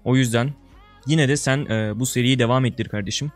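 A young man giving casual gameplay commentary as a video creator. He talks to viewers like a buddy in slang and swings from loud outbursts to low mutters. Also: a little fast, soft background music.

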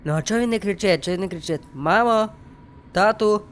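A man's voice: high voice, racing, a little hiss or hum. A young man, joking and talking to the game as he plays. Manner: joking, talks to the game and viewers. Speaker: let's play streamer. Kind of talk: playful gameplay commentary.

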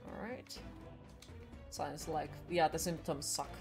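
A young Finnish woman streams a game from a small room at home, chatting playfully with her viewers and swearing casually. Her voice is low, slow and creaky, with a Finnish accent, and faint game music plays behind her.

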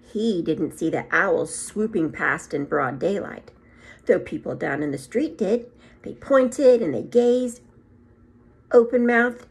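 Indoors in a small room at home, a middle-aged second grade teacher reads a story to her pupils, animatedly playing out the scenes and adding brief asides. Her voice is of medium pitch with a breathy edge, and a phone or tablet propped at arm's length captures it.

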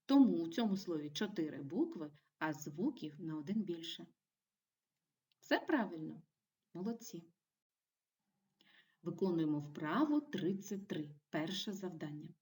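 A woman teaching a primary school video lesson, giving clear and encouraging instructions to young children. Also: on the low side, animated, measured pace, pauses often, mellow, recorded from a distance. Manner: clear, encouraging classroom delivery.

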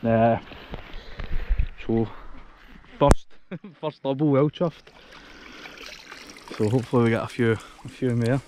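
Give me an excited young Scottish angler talking outdoors, with some faint background noise. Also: male voice, medium pitch, slow, pauses often. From Scotland. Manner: excited, repeats phrases, swears when thrilled. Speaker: angler filming a fishing trip. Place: lakeside outdoors.

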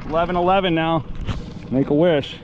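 A man's voice: on the high side, a little fast, lo-fi sound, background noise. A man narrating casually while fighting a fish from a kayak on the water. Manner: excited, chatty. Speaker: fishing vlogger.

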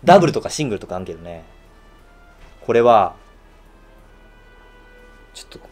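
A man's voice: moderate pace, faint music behind. A man in a casual show-and-tell review of his own bespoke suit, chatting and laughing often. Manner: chatty, laughs often, lively swings in pitch.

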